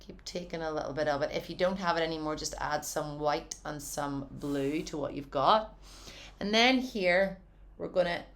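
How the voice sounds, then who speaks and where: A woman giving a casual, encouraging painting tutorial from her studio, chatty and often saying "wee". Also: low-pitched. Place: home art studio.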